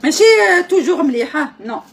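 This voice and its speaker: Rapid-fire Algerian woman live streamer. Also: high-pitched, animated, a little mellow, slight background noise. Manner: chatty, exasperated and joking with viewers. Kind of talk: casual live-stream chat.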